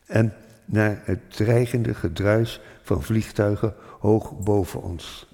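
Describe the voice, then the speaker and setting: An older man from Rotterdam telling a childhood memory in a thoughtful, unhurried way, pausing with hesitant fillers. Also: on the low side, steady tone, dark tone. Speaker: storyteller. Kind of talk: reflective spoken memoir. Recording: long hall reverb.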